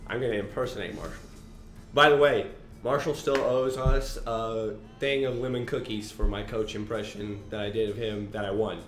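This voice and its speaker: A man's voice: fairly low pitch, fairly even intonation, moderate pace, fairly bright tone. A young man, a swimmer, telling a casual story about his coach. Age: young adult. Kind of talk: casual recollection. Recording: echoey room with faint music.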